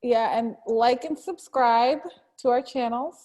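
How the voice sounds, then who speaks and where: A fairly high-pitched woman guides a tapping session, speaking calm affirmations for her partner to repeat. Between rounds she turns chatty and laughs easily, keeping a friendly, informal tone. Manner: giggly, chatty, leads affirmations slowly. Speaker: EFT tapping practitioner and co-host. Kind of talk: guided tapping affirmations, then casual chat.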